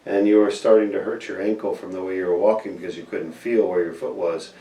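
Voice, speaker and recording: Talking fast in a low, mellow voice with fairly even intonation, a surgeon interviews his patient and spells out procedures for viewers in plain terms. He addresses the audience directly, and the distant mic leaves an echoey room sound.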